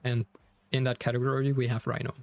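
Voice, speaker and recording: His delivery is completely flat, fast, and creaky, in a mid-range voice: a young man with a Danish accent chatting with game stream viewers. He reads the chat aloud and leans heavily on fillers and restarts.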